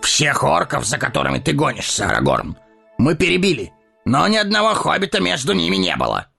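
An actor playing a proud, commanding horse-lord guard captain in an audio drama. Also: male voice, fairly high pitch, huge pitch swings, a little fast, creaky, bright, forceful tone, slightly rough, soft background music, heavily acted. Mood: earnest.

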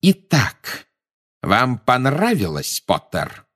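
A man voicing a cold, bitter male teacher who speaks slowly and menacingly in an audiobook. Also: mid-range voice, wildly swooping pitch, a bit bright, pitched above the performer's own voice, heavily acted. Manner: slow, menacing.

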